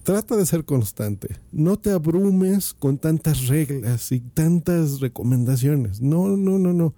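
A man's voice: fairly high pitch, lively intonation, takes it slowly, mellow, dry recording. A man with a Mexican accent hosting a podcast, talking casually and playfully to his listeners while recording on a phone in his office. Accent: Mexican Spanish. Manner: playful and chatty, addresses listeners directly. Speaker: podcast host.

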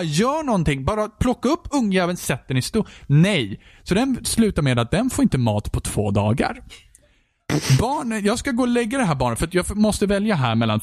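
A man's voice: high-pitched, no echo, studio quality. A man telling an exasperated, comedic story in a casual chat, swearing freely as he goes.

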